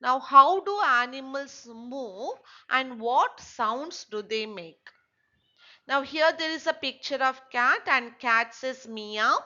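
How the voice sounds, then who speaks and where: Speaking slowly and with animation, a woman teacher leads young children through a textbook lesson, asking questions and supplying the answers herself. She has a fairly high, bright voice, heard on a somewhat dull recording.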